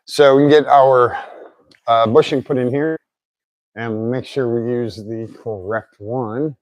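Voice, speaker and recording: Speaking at medium pitch in a steady, unhurried tone, a DIY car repair presenter works through a casual hands-on tutorial, informally thinking aloud. His articulation is slightly off from recent oral surgery. The recording is muffled, with no room sound.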